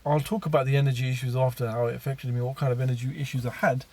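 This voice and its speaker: A man's voice: mid-range voice, level tone, very fast, a little mellow. A man telling his personal story in a casual monologue, rambling with many fillers and restarts.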